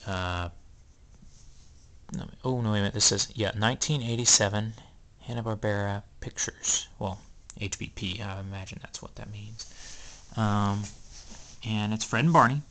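A man's voice: on the low side, normal speed, long pauses, fairly bright tone. A young man in a small room at home, rambling and hesitant through a casual show-and-tell of his collection, with plenty of ums. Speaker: collector selling items.

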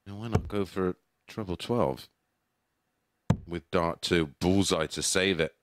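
Male co-commentator for live darts, fairly low voice, analytical delivery. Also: measured pace, slight background noise.

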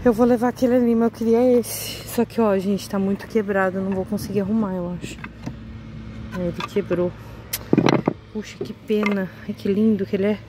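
A woman's voice: medium pitch, fairly even intonation, brisk, noisy background. Chatty woman vlogging outdoors. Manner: chatty, eagerly addresses viewers. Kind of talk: casual vlog walkthrough. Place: outdoors on a residential street.

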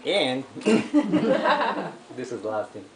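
Recorded by a camera placed across an echoey living room with background noise, a middle-aged Japanese man with a Japanese accent offers his personal testimony at a small home gathering. His mid-range voice is animated as he talks over a noisy crowd, yet he stays halting, pausing often and clearing his throat between fillers.

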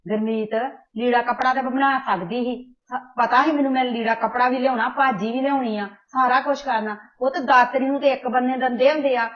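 A woman's voice: high voice, steady tone, a little fast, lightly acted. A woman playing a caring but scolding older mother who hurries her married daughter along. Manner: urgent, scolding yet tender. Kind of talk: amateur family drama acting. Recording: dull, muffled recording.

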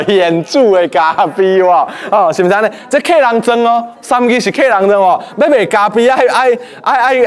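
A man teaching a class, lively and playful, often quizzing his students. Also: high voice. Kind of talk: lecture to a class.

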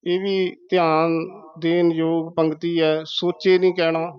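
A man giving a slow, patient pronunciation lesson, breaking words into syllables. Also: a little high, little pitch movement, clean tone, no room sound, dull audio. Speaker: teacher of scripture pronunciation.

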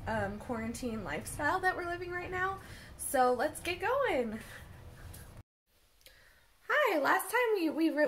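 A woman's voice: high voice, slight background noise. A woman music teacher reading a picture book aloud outdoors at home and leading children in call-and-response vocal sounds. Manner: animated, sing-song call-and-response vocalizing.

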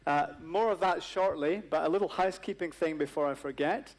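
A man's voice: fairly high pitch, brisk, low-quality recording. A man in his fifties moderating a live panel on a conference stage, chatty, with many fillers and joking asides. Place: large stage at a conference hall.

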